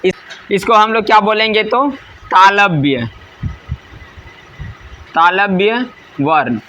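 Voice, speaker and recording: A man's voice: high-pitched, takes it slowly, bright, forceful tone, slight background noise. A male teacher, giving a grammar lesson that drills rules by asking and answering his own questions.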